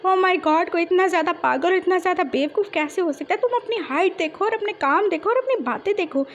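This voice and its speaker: A woman's voice: very high voice, expressive, fairly quick, highs cut off, a little hiss or hum. A woman voicing a stern, impatient male police officer who scolds and snaps in exasperation. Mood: exasperated. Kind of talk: fan fiction storytelling.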